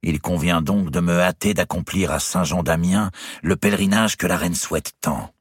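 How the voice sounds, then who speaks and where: A man voicing a cautious older male court astrologer who speaks slowly and carefully, with a husky voice. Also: low-pitched, dry recording, studio quality. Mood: measured. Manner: slow, measured, careful.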